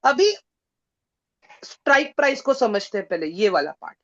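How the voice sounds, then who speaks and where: A man's voice: high-pitched, very animated, normal speed, fairly bright tone. A man teaching an online class, checking in with his students every few phrases while his voice cuts in and out over a poor internet connection. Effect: voice breaking up over a poor internet call connection. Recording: muffled lo-fi online call audio.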